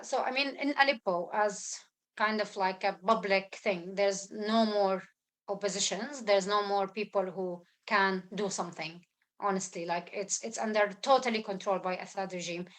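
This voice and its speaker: Earnest woman, halting speech. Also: mid-range voice, fairly bright tone, low-quality recording. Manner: halting, many fillers and restarts, intense. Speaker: guest speaker, filmmaker. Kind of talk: earnest testimony at an online symposium. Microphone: video call.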